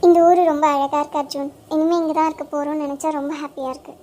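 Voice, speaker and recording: A woman's voice: high voice, level tone, racing, warm tone, natural voice. A woman voicing Anjali, a young woman who is sassy, teasing and in love, for a cartoon. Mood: happy. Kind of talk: cartoon voice acting.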